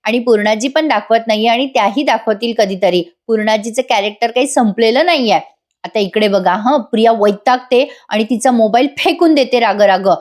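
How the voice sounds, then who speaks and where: A woman's voice: fairly high pitch, normal speed. A young woman narrating a voice-over episode review in a chatty way, speaking straight to viewers. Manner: chatty, addresses viewers directly. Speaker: TV serial reviewer.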